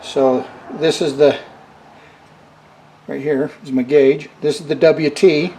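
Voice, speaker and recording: Middle-aged male shop tinkerer, slightly high voice, halting casual demo at the bench, rain on a tin roof behind him. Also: steady tone, warm tone, a little hiss or hum, rough recording. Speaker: repair demonstrator. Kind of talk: hands-on tutorial, casual talk while working. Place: workshop with metal roof, indoors. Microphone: camera over the workbench. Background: rain drumming on tin roof.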